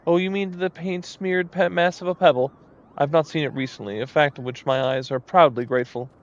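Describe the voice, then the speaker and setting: A man's voice: a little high, fairly even intonation, fairly quick, highs cut off, lightly acted. A man voicing a snooty, gossiping moogle villager in an arch, affected dowager-duchess manner. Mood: disdainful.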